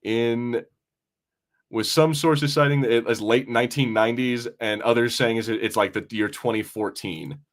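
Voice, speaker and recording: A man with a medium-pitched voice, speaking at a moderate pace, co-hosts a podcast during a casual watch-party chat about films. He rambles informally and frequently cuts himself off.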